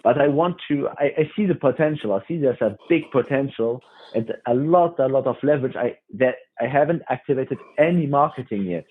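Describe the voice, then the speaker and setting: A young man in his twenties from France speaks as a podcast guest, in a husky, mid-pitched voice. He talks hesitantly with frequent restarts, heard over a tinny, phone-like line. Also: animated. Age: 20s. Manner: hesitant, halting with many restarts. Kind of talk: casual interview chat.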